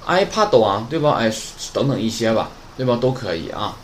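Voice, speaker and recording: Lively man teaching a language lesson. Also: mid-range voice, normal speed, slight background noise. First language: Chinese. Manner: explains in Chinese, quoting Japanese words and sentences; keeps checking with "对吧" and "哎". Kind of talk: classroom grammar lesson.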